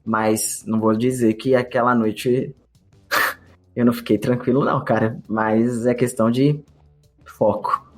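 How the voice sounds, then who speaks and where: A man's voice: mid-range voice, steady tone, measured pace, soft background music. A Brazilian man co-hosting a podcast, telling a story in casual chat and acting out his own past thoughts. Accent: Brazilian Portuguese. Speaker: podcast co-host.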